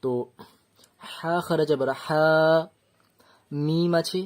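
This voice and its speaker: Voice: medium pitch, steady tone, very slow. A Quran reading teacher gives an online lesson in a patient, step-by-step way. When reciting, the teacher holds each letter sound long and drawn out. The teacher then returns to plain explanation.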